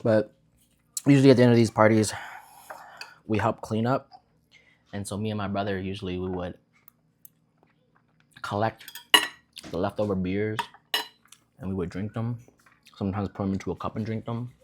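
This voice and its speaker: A deep-voiced young man rambles easily through stories while eating at home. His talk is casual and unhurried, like a laid-back vlog. Faint noise and the clink of dishes sit behind him. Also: fairly even intonation. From Vietnam. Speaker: vlogger.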